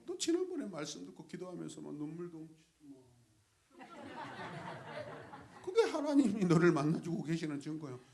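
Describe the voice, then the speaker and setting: A male pastor preaching an animated sermon, shifting between soft asides, laughter and sudden shouts as he calls out to the congregation. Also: fairly high pitch, normal speed, creaky, pauses often. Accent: Gwangju.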